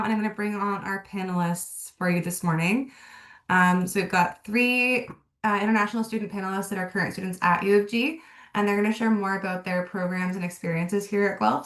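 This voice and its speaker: A woman moderates a video-call panel. She sounds upbeat and brisk, with a mid-range voice. Her room is echoey. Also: mid-range voice, fairly bright tone. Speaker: webinar moderator.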